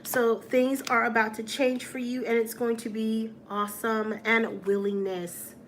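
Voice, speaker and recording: A woman's voice: fairly high pitch, flat delivery, unhurried, slight background noise. A woman doing a casual tarot reading in an upbeat, encouraging way, often checking in with "all right?". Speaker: tarot reader.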